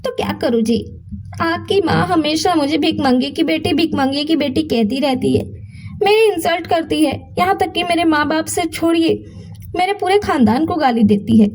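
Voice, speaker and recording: A woman's voice: high voice, lively intonation, pitched above the performer's own voice. A woman doing a defiant young daughter-in-law. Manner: pleading then firm, quick retorts.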